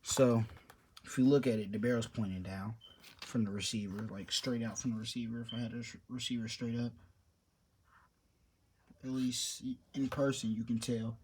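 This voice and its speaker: A man's voice: medium pitch, fairly even intonation, moderate pace, pauses often, a little mellow, a little hiss or hum. A young man in a casual show-and-tell vlog, rambling offhandedly about his papercraft build and trailing off mid-sentence. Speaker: papercraft hobby vlogger.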